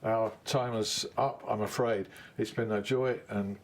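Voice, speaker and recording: A man hosting an interview, asking brisk questions and keeping the guests talking. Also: fairly low pitch, steady tone. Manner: brisk questions, short backchannels. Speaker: interviewer, host. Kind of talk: interview chat.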